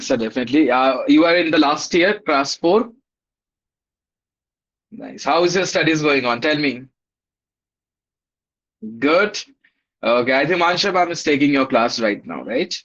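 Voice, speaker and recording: A man's voice: mid-range voice, lively intonation, unhurried, long pauses, a bit bright. Upbeat Indian-accented male teacher, muffled audio. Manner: upbeat and encouraging, with repeated greetings and praise. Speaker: teacher of an online class for schoolchildren. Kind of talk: casual greeting and roll call in a live online class. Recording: dull, lo-fi online class audio.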